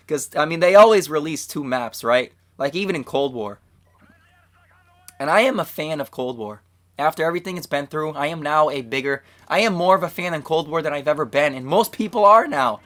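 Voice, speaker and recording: A man's voice: on the high side, expressive, brisk, fairly bright tone. A young man hosting gaming commentary, losing his voice and cracking at times, ranting in a blunt, fired-up way.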